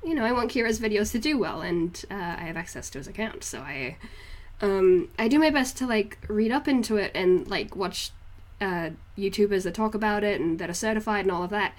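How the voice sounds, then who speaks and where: A young woman streaming her art chats with viewers in a rambling, giggly, informal way. Raised in northeast England before moving to New Zealand as a child, she has an accent blending both. Her voice is medium-pitched, fairly quick, and lively in intonation.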